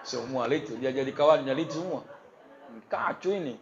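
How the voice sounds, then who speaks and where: A man preaching a humorous sermon at a religious study gathering, talking in a lively, joking way and often addressing the women in the audience. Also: fairly high pitch, a little fast, dull audio, noisy background. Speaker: Islamic preacher.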